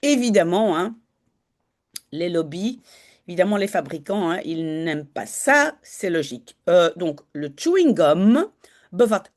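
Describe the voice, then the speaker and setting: A woman's voice: lowish voice, sing-song, unhurried. A woman teaching Dutch, talking learners through a news article in a chatty way, with many fillers and self-corrections.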